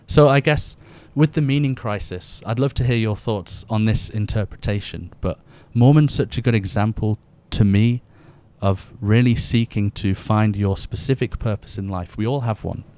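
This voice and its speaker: A man's voice: fairly low pitch, moderate pace, hardly any pauses, warm tone. A man who is a podcast guest, talking earnestly and reading verses aloud with feeling. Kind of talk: podcast conversation with scripture reading.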